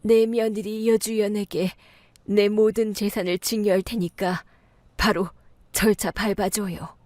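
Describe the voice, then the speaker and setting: A woman's voice: medium pitch, steady tone, a little slow, a little mellow, no echo, close to an everyday voice. A woman voicing a frail, dying old mother-in-law who speaks weakly and partly in a whisper, in a storybook radio tale.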